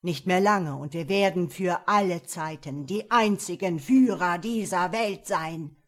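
A woman voicing a wrathful male fire demon lord from the underworld, booming and commanding, in a storybook reading. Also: unhurried, natural voice.

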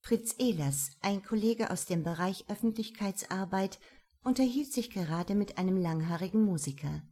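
A woman narrating a novel as an audiobook, with steady, clear storytelling. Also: medium pitch, moderate pace.

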